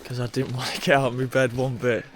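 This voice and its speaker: Talking fast in a nasal, medium-pitched voice, a young man with a cold vlogs casually from his car before heading into frozen woods. He's laid-back and offhand and says "bloody" constantly. There's noise in the background throughout.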